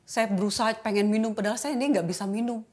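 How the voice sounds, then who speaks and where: A woman's voice: medium pitch, quick pace, darkish tone. Middle-aged woman guest, open and emotional, chatty with lots of filler tags. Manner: candid and emotional, colloquial with frequent filler tags. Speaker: guest sharing a testimony. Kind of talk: casual interview chat.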